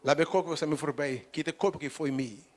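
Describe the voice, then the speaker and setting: A man preaching a sermon, dropping to quiet talk and then rising to loud, emphatic peaks. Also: on the high side, quick pace. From Curaçao. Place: church broadcast on radio.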